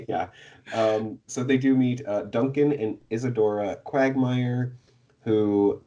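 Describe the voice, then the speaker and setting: A medium-pitched, steady male voice, slow and warm, comes through a recording with the highs cut off. Co-hosting a podcast, he walks through a book's plot in relaxed chat, hesitating with many fillers and little laughs.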